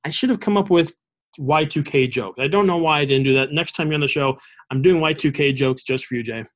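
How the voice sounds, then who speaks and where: A man with a slightly higher-pitched voice hosts a business interview show. His delivery is conversational, wandering and halting as he works toward his questions. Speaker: show host.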